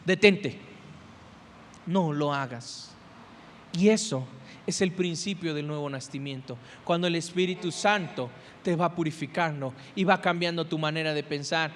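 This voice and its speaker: A man with a Mexican Spanish accent preaching a sermon as pastor, swinging between loud exhortation and soft, intense passages. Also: on the high side, unhurried. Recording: church hall with long reverb.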